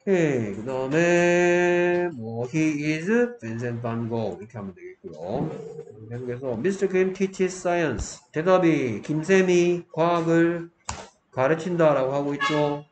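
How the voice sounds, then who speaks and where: Taking it slowly, a man with a highish, animated voice lectures on English grammar. He keeps checking that his students follow, asking questions and answering them himself, in an echoey room with faint background noise.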